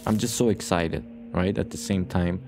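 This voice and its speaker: Background noise and music sit under this low-pitched man speaking at normal speed as host of a let's play. A sleep-deprived gaming YouTuber, he keeps the commentary casual, rambling and playful, echoing his own phrases.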